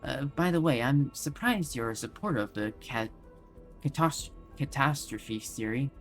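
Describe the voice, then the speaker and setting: A man voicing a wry older male scientist in a lowered, slow old man voice, reading game dialogue aloud. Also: expressive, fairly bright tone, faint music behind.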